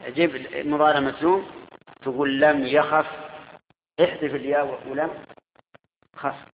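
A man's voice: a little high, steady tone, measured pace, a little hiss or hum. A man teaching a grammar class, quizzing his students and repeating their answers. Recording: tinny echoey hall recording.

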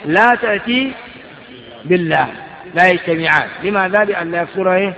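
A man's voice: sits high, brisk, sharp tone. Man teaching grammar, asks rhetorical questions. Lo-fi lecture hall recording. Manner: reads a text aloud, then explains it with rhetorical questions. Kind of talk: classroom commentary on a grammar text. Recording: muffled, echoey lecture hall.

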